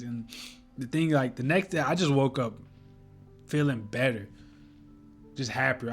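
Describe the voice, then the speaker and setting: A hoarse man vlogging in a casual, heartfelt way, rambling and earnest, peppering his talk with "you know" and "bro". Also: medium pitch.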